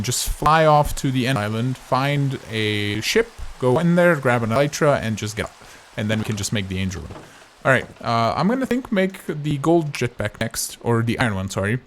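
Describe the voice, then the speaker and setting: A man's voice: mid-range voice, slight background noise. A man giving casual, chatty gameplay commentary as host of a gaming video, thinking aloud as he goes.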